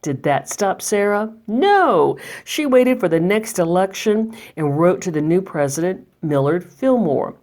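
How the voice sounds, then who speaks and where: A library storytime reader shares a children's picture book out loud in a lowish voice. Her delivery is emphatic and expressive, with pauses placed for effect.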